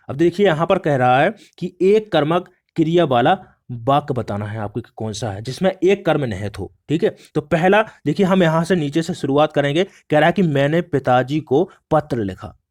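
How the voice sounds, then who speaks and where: A man's voice: on the high side, a little mellow. A male teacher explaining exam questions step by step, often repeating "look" as he walks through each answer. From India. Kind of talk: exam prep lesson.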